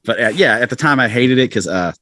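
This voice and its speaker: Expressive and quick, with a sharp tone and medium pitch, a rock musician from the southern US sits in as a podcast guest. The forties-aged American chats casually, wandering through stories and often putting himself down.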